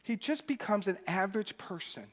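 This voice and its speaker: A male minister preaching a Sunday sermon in church, moving between loud emphatic bursts and soft, quiet asides. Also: sits high, lively intonation, moderate pace. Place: church during a Sunday service.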